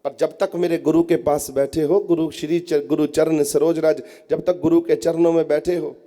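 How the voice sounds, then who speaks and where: A man's voice: fairly high pitch, flat delivery, normal speed, mellow. A man giving a devotional sermon to a congregation, talking to them directly in an earnest, coaxing way. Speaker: spiritual teacher. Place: prayer hall at a gathering.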